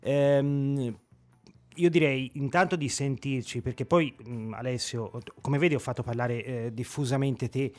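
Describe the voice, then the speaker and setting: A man's voice: medium pitch, fairly even intonation, unhurried, soft background music. A man hosting a football discussion in a conversational way, often repeating phrases for emphasis. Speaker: sports show host.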